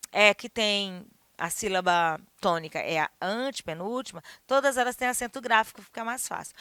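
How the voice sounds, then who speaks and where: Woman teacher, somewhat high, crisp tone, didactic and checking in with students. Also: sharp tone, no echo, clean studio sound. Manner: didactic, checks in with the class often. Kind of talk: recorded grammar lesson.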